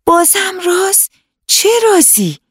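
A woman voicing a cheerful, curious little girl who asks excited, wide-eyed questions in a storybook reading. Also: high voice, no echo, clean studio sound, pitched above the performer's own voice.

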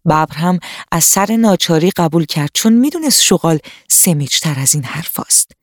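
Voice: medium pitch, lively intonation, no room sound, studio quality. A storyteller narrating a scripted children's story for a radio program, addressing the young listeners.

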